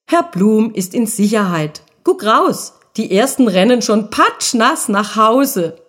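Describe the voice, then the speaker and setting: A caring girl school ghost, voiced by a woman reading a storybook speaks gently and reassuringly to her brother. Her voice sits a little high and moves freely. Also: expressive, takes it slowly. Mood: gentle.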